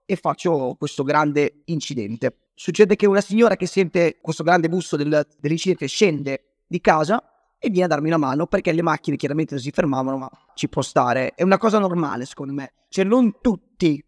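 A young man from Naples, an interview guest, telling a personal story in a rapid, animated way, often correcting himself. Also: a little high, no room sound, clean studio sound. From Naples, Italy.

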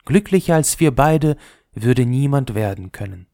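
A proud male spinning top from a storybook who brags eagerly about himself, as a man puts him on. His voice sits raised above a plain speaking voice, with lively swings and a gravelly grain. The sound is dry and close. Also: mid-range voice, unhurried, no room sound, voice pushed up. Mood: boastful. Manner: eager and boastful.

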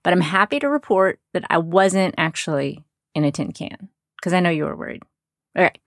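Lower-pitched woman hosting a casual podcast. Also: brisk, dry recording, studio quality. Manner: effusive, informal, self-deprecating joking. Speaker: podcast host. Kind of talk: upbeat conversational podcast introduction and interview.

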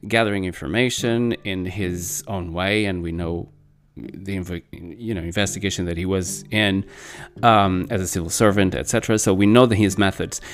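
This podcast host is a man in his forties whose low voice stays steady at a normal speed. Not a native English speaker, he conducts a casual interview enthusiastically, rambling and using many fillers.

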